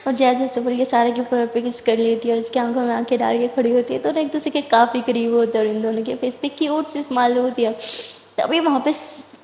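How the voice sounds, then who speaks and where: High-voiced woman telling a story. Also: darkish tone, reverberant, in a large hall. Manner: acts out each character's lines with shifting pitch. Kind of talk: dramatic storytelling narration.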